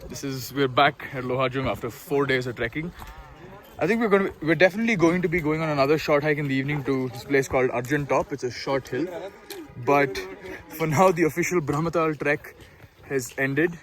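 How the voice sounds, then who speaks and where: A man's voice: on the high side, a little fast, fairly bright tone, rough recording. A man talking casually to camera as he vlogs a mountain trek outdoors. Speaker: trekking vlogger.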